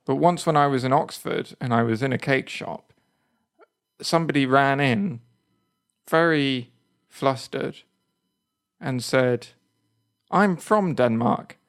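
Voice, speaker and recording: A man with an English accent talks in a relaxed, chatty way as a podcast co-host. His voice has a gravelly edge, and he sits at an ordinary middle pitch. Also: slow, pauses often. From England. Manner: relaxed, chatty, tells anecdotes. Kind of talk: casual chat.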